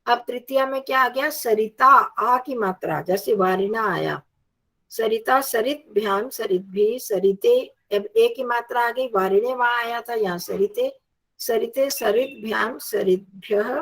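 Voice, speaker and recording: Woman, Sanskrit teacher, slow unhurried delivery, patient drilling of word forms. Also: fairly high pitch, fairly bright tone. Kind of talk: online Sanskrit lesson.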